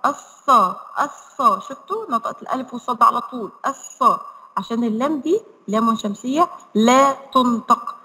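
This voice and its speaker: An Egyptian-accented woman teaches children to read over a video call, breaking each word into slow, careful syllables. Her voice sits fairly high and sounds sharp and bright. A long reverb hangs behind her, as if she is in a big hall. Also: animated. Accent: Egyptian Arabic. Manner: spells words out slowly, syllable by syllable. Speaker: primary school Arabic teacher. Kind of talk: online reading lesson.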